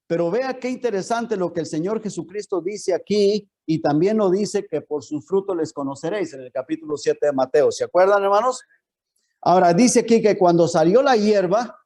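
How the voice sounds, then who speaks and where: A male pastor teaching a Bible lesson in church. His voice sits a little high, yet it has a mellow, warm tone. He keeps putting rhetorical questions to his listeners.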